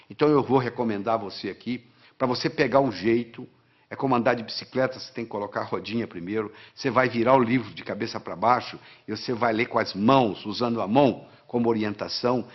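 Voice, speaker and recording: A man explains study techniques, counting out the steps and driving key phrases home through repetition. His voice sits at a middle pitch. The recording is slightly muffled and lo-fi. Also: breathy edge. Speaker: guest teaching study techniques. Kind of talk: instructional talk.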